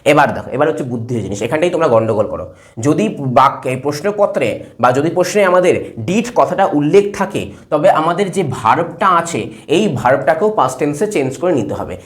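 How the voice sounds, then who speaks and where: A male teacher explains an English lesson step by step, asking questions and answering them himself, and slowing down to spell and read English words aloud. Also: on the high side, animated.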